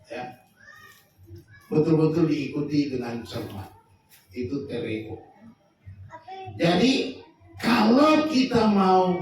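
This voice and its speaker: Pastor preaching in an echoey church. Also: male voice, high-pitched, slight background noise. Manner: humorous, acts out little scenes in voices. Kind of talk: sermon. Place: large church hall. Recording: echoey church hall, mic at a distance.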